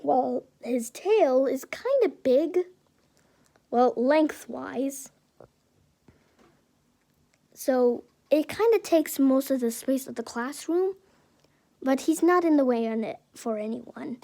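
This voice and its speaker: A woman's voice: high voice, expressive, takes it slowly, creaky, long pauses, warm tone. A woman narrating a fan story casually in a rambling, playful way.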